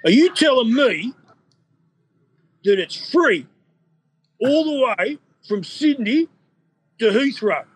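A man's voice: very high voice, very animated, slow, long pauses, husky, voice pushed up, exaggerated voice, low-quality recording. Man doing a brash old Cypriot club boss. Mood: astonished. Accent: put-on Cypriot Greek. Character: brash older Cypriot-born male club owner.

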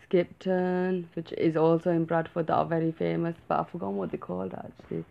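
A woman's voice: on the low side, flat delivery, fairly quick, vocal fry. Chatty woman, lo-fi sound. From England. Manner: chatty, hedging with many "like"s. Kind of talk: casual conversation. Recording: dull lo-fi audio.

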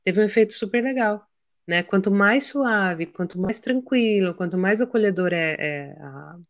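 A woman's voice: medium pitch, moderate pace, dull audio. Reflective woman, casual podcast chat. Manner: reflective, animated storytelling with quoted self-talk. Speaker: podcast co-host.

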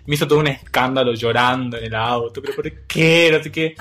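A young man with an Argentine accent telling a story in casual chat, animated and quick to laugh. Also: mid-range voice. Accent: Argentine Spanish. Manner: animated, laughs often, acts out quotes.

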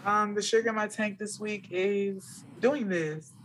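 A woman's voice: mid-range voice, fairly even intonation, a little slow, fairly bright tone, slight background noise. A woman in her twenties co-hosting a casual podcast from her bedroom, talking in a laid-back, chatty way full of fillers. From American South. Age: 20s. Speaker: podcast co-host. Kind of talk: casual chat. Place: bedroom, remote recording.

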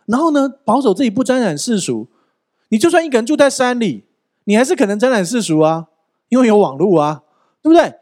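A male pastor preaching a sermon in an animated, joking way, often asking the listeners rhetorical questions. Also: high voice, fairly quick.

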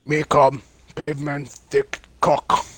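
A man's voice: on the high side, completely flat delivery, a bit bright. A man voicing a dim-witted male caveman who talks in short broken phrases. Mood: crude. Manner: slow, clipped broken sentences.

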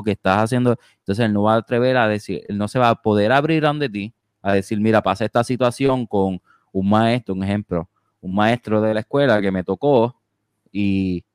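A man's voice: fairly low pitch, a little mellow, clear, resonant tone, no room sound, studio quality. A man talking casually in a two-person conversation, with lots of fillers and tag questions.

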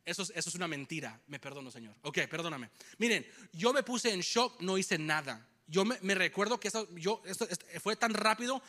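Young preacher guy, high bright voice, animated sermon story in a church. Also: a little fast, hardly any pauses. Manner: animated, mixes in English phrases. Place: church hall with congregation.

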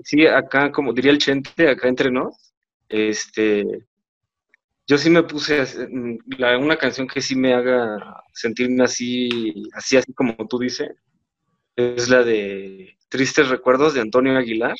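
A young man with a Mexican accent co-hosting a casual podcast chat in a relaxed, easygoing way. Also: mid-range voice, measured pace. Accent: Mexican Spanish. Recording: dull lo-fi sound.

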